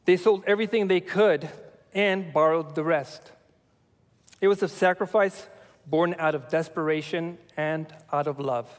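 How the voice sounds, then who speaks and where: A man in his forties from El Salvador, sharing a personal testimony with his church family in a reflective, measured way with frequent fillers. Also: fairly high pitch, in a large hall.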